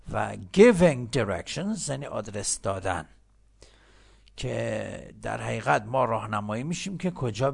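A man with a Persian accent teaching English in a recorded lesson, slowly repeating words for learners. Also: mid-range voice. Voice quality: gravelly.

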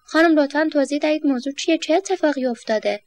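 A woman voicing a kind, patient retired old professor in a storybook reading, speaking calmly. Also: high voice. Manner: calm, patient.

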